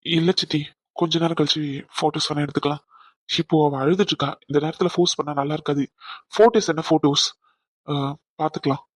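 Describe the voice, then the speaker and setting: A man voicing a kind young groom in a cartoon, calmly reassuring his tearful bride. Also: a little high, fast talker, long pauses, dry recording. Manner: reassuring, coaxing. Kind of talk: cartoon dubbing.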